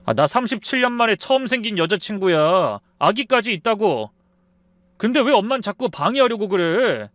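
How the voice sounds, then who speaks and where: A man's voice: a little high, big pitch swings, normal speed, no room sound. A man voicing a defensive grown son in his thirties who snaps at his mother in a raised, irritated voice. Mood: angry.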